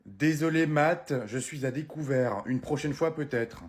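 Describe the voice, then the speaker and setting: A man voicing a gullible, dramatic middle-aged mother in a comic sketch, talking in an excited, whiny way. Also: on the high side, close to an everyday voice. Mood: giddy, indignant. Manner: excited, whiny, quick to protest.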